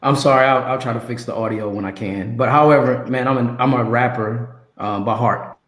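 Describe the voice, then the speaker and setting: A man's voice: medium pitch, a little fast. A man on a video call sharing his story in casual chat, his audio echoing like a cave. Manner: relaxed and conversational, says "man" and "right". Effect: cave-like echo on his audio. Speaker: photographer on a panel.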